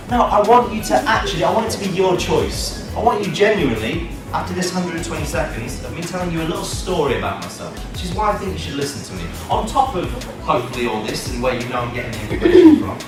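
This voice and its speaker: A man, giving a lively, jokey talk to students with quick asides. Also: on the high side. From Manchester, England. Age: 30s. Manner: animated and jokey, with quick asides and acted-out quotes. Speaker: speaker for students. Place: indoor classroom with a student audience. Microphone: camera at the back of the room. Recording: echoey room from far off, music behind.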